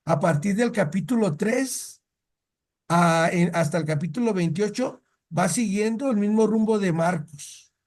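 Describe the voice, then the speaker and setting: A man leads a relaxed catechism lesson, his voice sitting noticeably high for a man. He talks in a storytelling way and often stops to restart a word or phrase. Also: measured pace. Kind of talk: casual Bible teaching.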